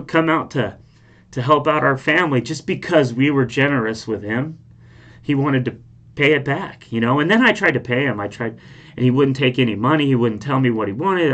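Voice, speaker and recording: A man hosting a reaction video, talking casually and conversationally as he shares personal anecdotes. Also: medium pitch. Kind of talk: casual rambling chat and storytelling.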